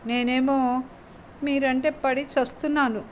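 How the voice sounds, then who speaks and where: A woman's voice: high-pitched, steady tone, a little slow, slight background noise, pitched above the performer's own voice. A woman voicing a sweet-talking, teasing young wife in a spoken story, her tone sugary and mock-pleading. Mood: coaxing, pleading.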